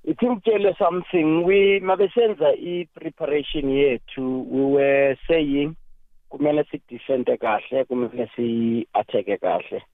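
A man's voice: mid-range voice, unhurried, no echo. South African male coach on tinny line. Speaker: football coach being interviewed. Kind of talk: radio interview, mixing two languages. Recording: narrow, tinny phone-like line.

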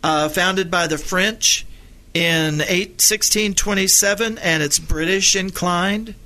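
A man co-hosting a radio travel show, chatting casually and rambling a little, clearing his throat now and then. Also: high-pitched, slow pace, pushed and bright.

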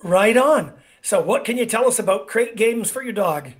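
A man's voice: sits high, lively intonation, normal speed. A man hosting a talk radio show, upbeat and folksy, from Canada. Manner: upbeat, folksy, reads sponsor lists.

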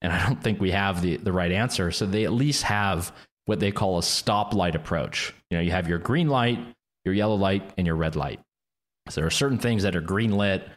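Deep-voiced man explaining tech policy. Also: normal speed. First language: not English, speaks three languages. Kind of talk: policy discussion.

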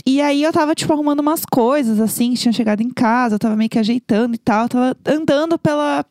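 Animated woman telling a story. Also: high-pitched, quick pace, dry recording, clean studio sound. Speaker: podcast co-host. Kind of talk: casual storytelling chat.

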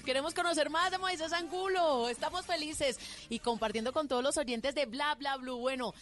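A woman hosting an interview in a lively, playful way. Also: high voice, normal speed. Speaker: host. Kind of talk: radio-style interview hosting.

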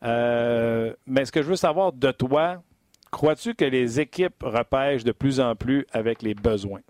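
A man's voice: medium pitch, measured pace, a little mellow, dry recording. A man with a Québécois French accent hosting a hockey draft talk show, chatty and full of hesitations. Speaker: sports radio host.

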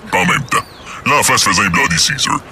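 A cheeky, crude little droplet with a Québécois accent, played by a man and run through a voice changer, the disguised voice sitting low and sounding sharp and forceful. He brags and chats in a comedy radio sketch. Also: animated, quick pace, slight background noise, heavily acted. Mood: smug. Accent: Québécois French. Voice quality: boastful, crude, chatty.

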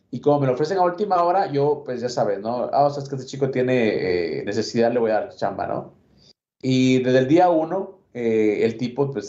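A man's voice: medium pitch, dark tone, roomy sound, dull audio. A man telling a work story on a casual sports podcast, full of fillers and restarts.

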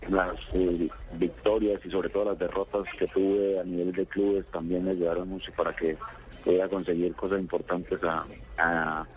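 On sports radio, a middle-aged Colombian football coach gives a phone interview in a low male voice with little pitch movement and dull audio. He speaks haltingly and reflectively, with many pauses and fillers.

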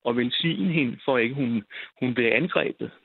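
A man's voice: medium pitch, husky, no room sound. Older guy telling a long story down a phone line, kinda tinny, stumbles and repeats himself, dry sound. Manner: rambling, repeats words, many hesitations. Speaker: guest telling a personal story. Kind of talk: casual storytelling.

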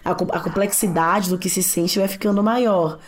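A woman's voice: on the low side, steady tone, normal speed. A woman with a Brazilian Portuguese accent, a writer and psychoanalyst, explaining things reflectively as a guest on a talk show. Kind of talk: conversational explanation.

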